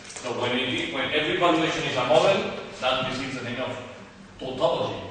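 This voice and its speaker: A male university lecturer teaches a class, halting and repeating himself as he quizzes his students. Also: mid-range voice, fairly bright tone. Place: large lecture hall. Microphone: distant room mic. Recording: echoey hall from far off, noisy.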